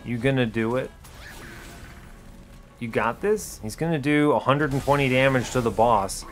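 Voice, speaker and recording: Music runs behind a man giving casual commentary on his gameplay as host of the video. He keeps things short, dry and understated, speaking at a moderate pace and medium pitch.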